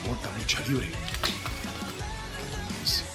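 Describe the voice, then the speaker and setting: A man's voice: mid-range voice, huge pitch swings, measured pace, vocal fry. A man delivering a dramatic wrestling promo in short, theatrical, declaimed phrases. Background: music.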